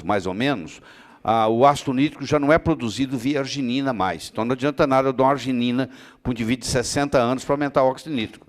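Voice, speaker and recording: Male medical lecturer, mid-pitched, explanatory, checks in with the class. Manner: explains with everyday analogies, checks understanding often. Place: lecture room with students.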